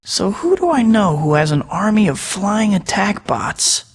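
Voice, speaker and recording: A man's voice: high voice, sing-song, measured pace, husky, in a large hall, exaggerated voice. A young man playing a quippy, earnest young male superhero, trading sarcastic wisecracks as he fights. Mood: wisecracking. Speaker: game character. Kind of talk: game voice clips.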